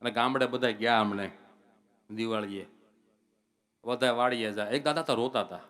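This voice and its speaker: At a religious gathering, a man with a mid-range, fairly bright voice speaking at normal speed tells folksy jokes and stories. He's a comic speaker doing humorous folk storytelling, addressing his listeners as devotees.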